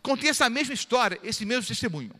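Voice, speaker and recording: Lively pastor in a reverberant hall. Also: male voice, extremely high pitch, quick pace. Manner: animated storytelling, acts out quoted voices. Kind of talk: sermon with testimony.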